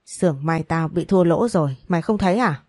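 A woman's voice: lowish voice, a little fast, a little mellow, no room sound, studio quality, natural voice. A woman voicing a harsh, stingy older male factory boss who scolds curtly. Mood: harsh scolding. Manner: curt, scolding.

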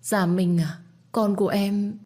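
A woman's voice: medium pitch, steady tone, slow pace, dark tone, pitched above the performer's own voice. A woman voicing a weakened, grieving young wife, tearful and distraught. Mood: anguished.

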